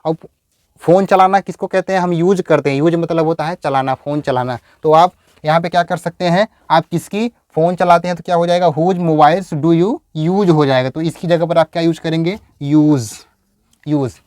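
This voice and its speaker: A man teaching English in a video lecture, explaining step by step and saying example sentences slowly. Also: a little high, steady tone, a little mellow, no room sound, clean studio sound.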